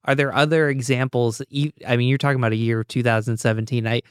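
Smooth-voiced podcast host man. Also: mid-range voice, flat delivery, fast talker, no room sound, clean studio sound. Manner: casual, warm-up fillers before questions. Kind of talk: conversational podcast interviewing.

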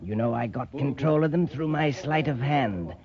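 A man's voice: medium pitch, expressive, moderate pace, a crowd in the background, natural voice. A man playing a scheming villain magician in an old radio adventure, pompous and wordy. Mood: smugly scheming. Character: smooth-talking, scheming villain stage magician. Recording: dull lo-fi old radio, distant sound.

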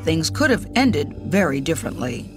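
A woman narrating a news feature in a measured, serious way. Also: low-pitched, very animated. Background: music bed.

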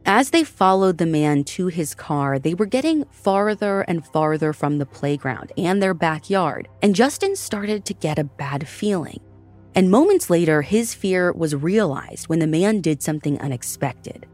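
A woman hosts and narrates a scripted true-crime story in a measured, dramatic delivery. Her voice sits notably low for a woman. Faint music runs under her narration. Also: big pitch swings, a little mellow. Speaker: podcast host and narrator.

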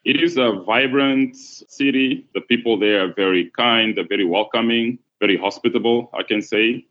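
A man from Congo, a podcast guest, talking in a relaxed, unhurried way with many fillers. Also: mid-range voice. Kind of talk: casual interview. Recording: dull lo-fi sound.

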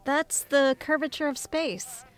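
A sardonic, all-powerful coworker, voiced by a woman with a high voice. She delivers cutting remarks in a deadpan way. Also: unhurried. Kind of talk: audio drama acting.

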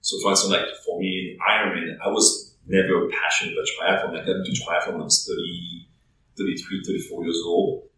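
A man's voice: deep voice, level tone, a little fast, sharp tone. A man with a French accent, a startup founder in his thirties, talking reflectively in a casual interview with many fillers and repeated words. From France. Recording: echoey room, distant mic, faint noise.

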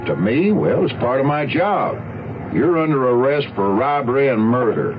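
A male actor as a hard-boiled detective, cool and dogged, talking in the clipped, dry way of a 1930s beat cop. It is radio crime drama on a dull old recording with loud music. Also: medium pitch, lively intonation, moderate pace, lightly acted. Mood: cool, accusing.

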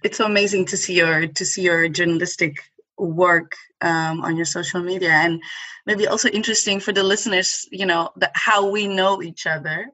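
Bright, breathy-voiced woman hosting a podcast. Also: lowish voice, steady tone, normal speed, no echo, poor audio. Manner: chatty and laughing, many likes and restarts. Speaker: podcast host. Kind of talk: casual interview chat.

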